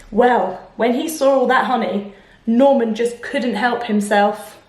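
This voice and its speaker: A woman reading a picture book aloud to children, expressive, with explanations and questions to the listener. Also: on the high side. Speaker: children's storyteller. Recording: echoey room.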